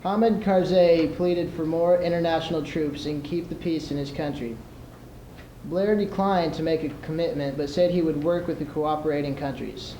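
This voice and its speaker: A teenage boy competes by reading scripted radio news at a school event in a large room. His fairly high voice is steady and dark-toned at a moderate pace, captured in an echoey, noisy live room recording.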